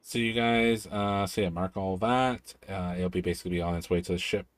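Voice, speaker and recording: Low-voiced man running a tabletop game. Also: brisk. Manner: hesitant, many fillers, thinking aloud. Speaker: game master. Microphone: home mic on voice chat.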